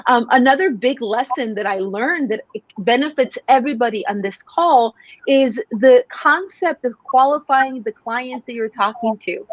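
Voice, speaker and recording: A Mexican woman in her forties, whose first language is Spanish, appears as a sales coach guest in a casual interview, earnestly telling stories with lots of fillers. Her voice is a little high and her pace normal. There's no room sound, but the recording has a dull, lo-fi quality.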